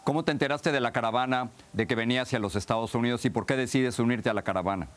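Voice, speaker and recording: Man, podcast host, news interview, mid-range pitch, slow deliberate phrasing.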